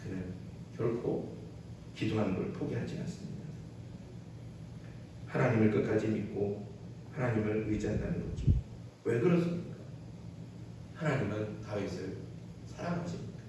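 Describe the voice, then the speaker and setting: A man's voice: lowish voice, moderate pace, pauses often, background noise. A man preaching a sermon as pastor, earnest and emphatic, building through repeated phrases. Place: church sanctuary. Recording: echoey church hall mic from a distance.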